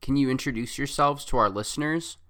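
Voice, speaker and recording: A man's voice: mid-range voice, brisk, a bit bright. A man reading a scripted introduction to a radio interview segment and asking the guest to introduce herself. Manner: reads from a script, handing off to a co-host. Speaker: host, interviewer.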